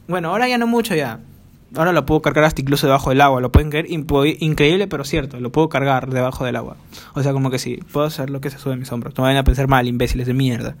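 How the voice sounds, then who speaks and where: A man rambling through childhood stories on his podcast, swearing freely, mocking himself and piling up fillers. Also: medium pitch. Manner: crude swearing, chatty, self-mocking, many fillers. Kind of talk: rambling storytelling monologue. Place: home, recording alone.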